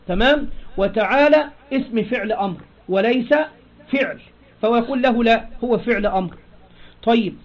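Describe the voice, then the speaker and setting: A man's voice: high voice, highs cut off. A man with an Egyptian Arabic accent teaching a grammar lesson, explaining step by step and quizzing his listeners with prompting questions.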